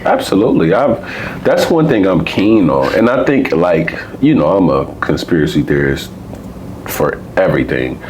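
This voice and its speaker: American man, podcast co-host, lively swinging pitch, faint background noise. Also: normal speed. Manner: animated, profane, rambling. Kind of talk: casual conversation.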